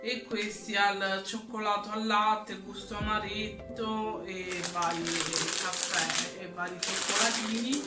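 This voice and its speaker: Slow-talking woman, getting over flu, echoey room. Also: medium pitch, steady tone. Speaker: vlogger presenting a grocery haul. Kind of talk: casual item-by-item shopping narration. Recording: roomy echo, distant mic, music behind. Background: music.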